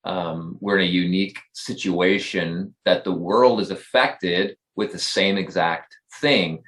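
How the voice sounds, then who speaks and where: A man's voice: deep voice, steady tone, a little slow, fairly bright tone. A male life coach co-hosting a faith podcast, talking thoughtfully and rambling with many fillers. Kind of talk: casual faith-based podcast talk.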